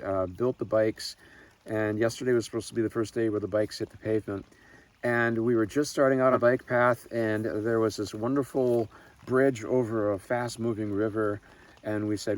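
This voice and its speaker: A man hosting a casual outdoor video update from a bike tour. He talks in a relaxed way with many filler pauses. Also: mid-range voice. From Minnesota, United States. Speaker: vlog host on a bicycle tour. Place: outdoors by a lake in the rain.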